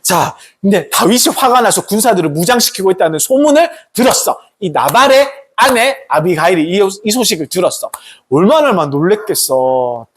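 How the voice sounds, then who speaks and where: Pastor, youth sermon, animated storytelling, swooping intonation, a bit husky, keeps asking the kids questions. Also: mid-range voice, fairly quick. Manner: animated, asks the kids questions often, tag questions. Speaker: pastor preaching to a youth group.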